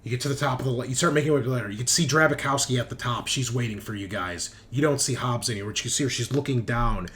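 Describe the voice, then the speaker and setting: Rapid-fire with hardly any pauses, a man with a mid-range, fairly bright voice narrates a tabletop roleplaying game as game master. His banter is casual and profane, and background music runs behind the recording.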